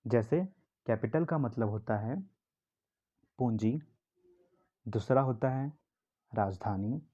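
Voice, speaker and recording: A man's voice: mid-range voice, slow, dark tone, lo-fi sound. A man teaching vocabulary in a classroom style, asking his own questions and repeating key words to explain them. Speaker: English teacher.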